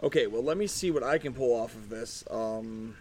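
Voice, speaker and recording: A man's voice: mid-range voice, moderate pace, a little mellow, a little hiss or hum. A man hosting a casual podcast outdoors, joking and swearing through crude banter with friends. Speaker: podcast host. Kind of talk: casual chat.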